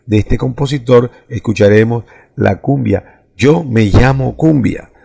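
A man hosting a radio music program, giving a measured scripted narration with occasional hesitations. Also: mid-range voice, creaky, warm tone, slightly rough. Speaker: radio music show host.

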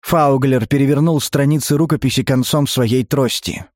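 A man narrating an audiobook in a measured, even reading voice. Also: medium pitch, no room sound, studio quality. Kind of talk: scripted narration.

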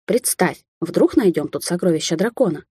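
A woman's voice: fairly low pitch, animated, normal speed, dark tone, breathy edge, no echo. A woman voicing a playful, cunning red-haired young witch who talks in a carefree, teasing, sing-song way.

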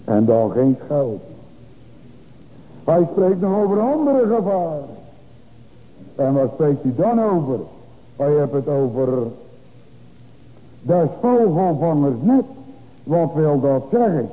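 A man, a pastor preaching a Reformed sermon to his congregation. He asks rhetorical questions and answers them, swinging between raised exclamations and quiet low drops. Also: big pitch swings, slow, long pauses. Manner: addresses the congregation directly. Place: church. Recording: dull lo-fi church recording with long reverb.

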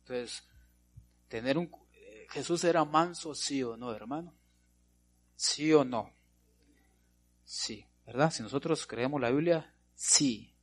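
A man's voice: mid-range voice, takes it slowly, pauses often. A male pastor preaching a sermon, punctuating his points with repeated amens and rhetorical questions to the congregation.

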